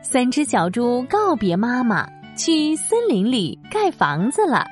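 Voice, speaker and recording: A woman's voice: on the high side, big pitch swings, unhurried, faint music behind. A woman narrating a scripted story for children.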